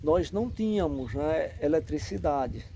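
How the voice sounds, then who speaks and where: This man in his sixties, a professor from Brazil's northeastern backlands, tells an interviewer about local life in an explanatory way, peppering his speech with tag questions. His fairly high, warm voice is creaky and lively in intonation, a little slow, with a bit of hiss or hum in the recording.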